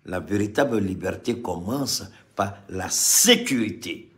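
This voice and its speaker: A man from Mali, whose voice is fairly low and expressive, offers heated political commentary to an audience present with him. He speaks at a measured pace, repeating phrases and shifting between loud and quiet.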